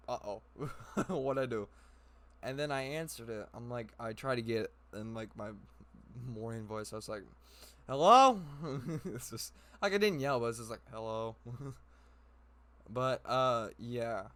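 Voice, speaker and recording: A young man of middle pitch chats to his viewers from his room, telling a story in a loose vlog. He rambles and laughs as he talks, with plenty of fillers and false starts. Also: fairly quick, fairly bright tone. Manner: rambling, laughs often, many fillers and restarts. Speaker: YouTuber. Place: his own room indoors.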